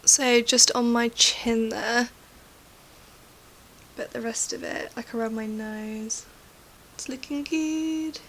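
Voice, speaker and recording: Female beauty vlogger, bright and slightly high voice, informal chat to camera, light hiss. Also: steady tone, takes it slowly, pauses often. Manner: chatty, informal. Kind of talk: casual makeup review to camera. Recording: faint background hiss.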